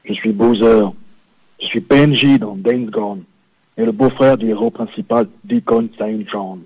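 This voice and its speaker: A man's voice: on the low side, a little slow, husky, no echo. A man phoning in as a swaggering macho biker, over a phone line. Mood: boastful. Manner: swaggering, suggestive, self-satisfied. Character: macho, boastful adult male biker sidekick from a video game. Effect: over a phone line into a radio studio. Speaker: caller doing a comedy bit. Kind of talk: comic phone-in sketch. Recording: dull lo-fi dry phone line.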